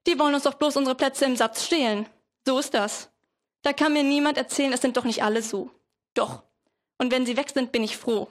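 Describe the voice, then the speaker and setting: A woman's voice: sits high, a little fast, natural voice. A teenage woman voicing a rowdy, patriotic preposition who rants against newcomers. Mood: ranting. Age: teens. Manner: ranting, rabble-rousing.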